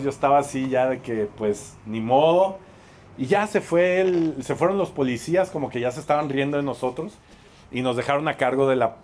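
A man with a Mexican accent delivers a storytelling sermon, telling a lively tale that pokes fun at himself and acting out the voices of its characters. His voice sits in the mid range.

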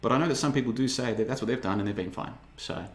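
A thirtysomething man hosting a livestream podcast speaks very fast in a mid-range voice. His casual monologue wanders and turns sarcastic, often mocking people through put-on voices.

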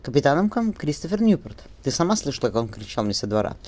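A man's voice: fairly high pitch, big pitch swings, fast, darkish tone, voice pushed up. A man reading an audiobook and voicing a resolute young mother, firm and tender with her daughter, his voice raised somewhat. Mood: determined.

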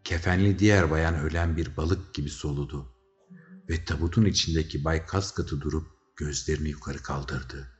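A man's voice: rumbling low, steady tone, normal speed. A man narrating a story as a scripted audiobook reading, dramatic in delivery. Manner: dramatic storytelling, shouting characters' cries. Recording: slightly dull recording with faint music.

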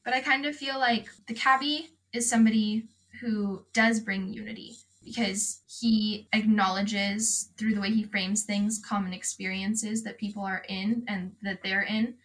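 A woman's voice: medium pitch, steady tone, a little slow, few pauses, a bit bright, rough recording. A woman co-hosting a podcast, thinking aloud in a casual, thoughtful way. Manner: thoughtful, with fillers. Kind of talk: casual discussion.

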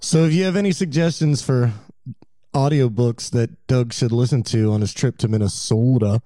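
A man's voice: medium pitch, warm tone, no echo, clean studio sound. A man co-hosting a podcast, chatting casually with a wry, joking manner. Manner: wry, joking, quick interjections. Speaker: podcast co-host. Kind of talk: casual chat.

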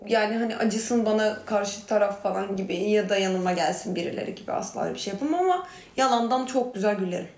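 A woman's voice: mid-range voice, fast, a little mellow, echoey room. A woman co-hosting a podcast in casual, playful chat, often breaking into laughter. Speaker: podcast co-host.

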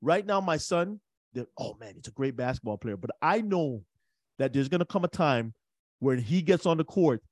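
A man hosting a podcast who asks his guest questions in an earnest, halting way, often restarting his sentences. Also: on the high side, lively intonation, no echo. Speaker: podcast host. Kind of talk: casual interview chat.

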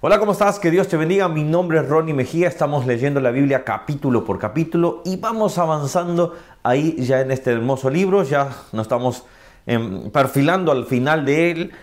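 A man teaching a chapter-by-chapter Bible reading, gentle and unhurried, with slow emphatic stresses. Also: on the high side.

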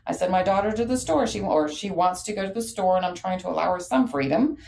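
A woman in her forties co-hosting a podcast, talking in an easy back-and-forth that is full of fillers and self-corrections. Her voice sits a little low and has a gravelly, creaky edge. A faint hiss runs underneath. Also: expressive, quick pace, darkish tone, low-quality recording. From Texas. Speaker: podcast co-host. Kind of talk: casual chat.

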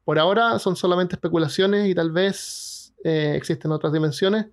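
A man with a slightly raised voice co-hosting a relaxed podcast. He laughs often while explaining corrections and thanking listeners. He talks in an easy, conversational way. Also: high voice, normal speed. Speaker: podcast co-host. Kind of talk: casual podcast chat.

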